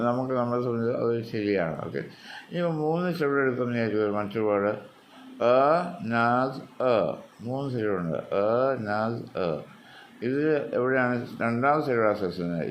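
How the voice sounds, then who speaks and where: A man's voice: medium pitch, expressive, fast, a little hiss or hum. A man with a Malayali accent teaching a spoken English lesson, explaining step by step and repeating words with exaggerated stress.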